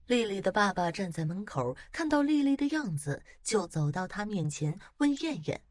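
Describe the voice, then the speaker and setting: A woman narrating a ghost story at a calm, steady pace. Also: medium pitch, normal speed, no echo, studio quality.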